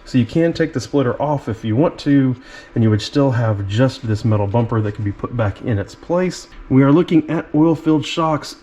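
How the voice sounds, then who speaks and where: Male host, product unboxing review, lively swooping delivery, mellow tone, excitable. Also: medium pitch. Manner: enthusiastic, exclaiming over features; talks to viewers directly. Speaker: RC car reviewer.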